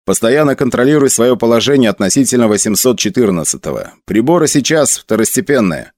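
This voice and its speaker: Man doing calm older flight instructor, low steady voice, dry close sound. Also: fairly quick, no room sound, lightly acted.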